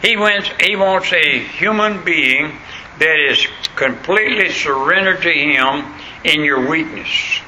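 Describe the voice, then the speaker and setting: Bright, forceful rural American country preacher man. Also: fairly high pitch, takes it slowly. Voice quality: country voice, plain untrained diction. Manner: folksy, punctuates points with questions to listeners. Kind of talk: sermon with anecdotes and scripture reading. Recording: clearly noisy recording.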